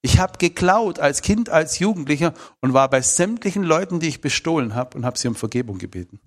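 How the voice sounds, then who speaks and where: A man's voice: a little high, lively intonation, fairly quick. A man, telling his personal testimony in an emphatic, emotional way. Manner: emphatic, emotional storytelling with shifting volume.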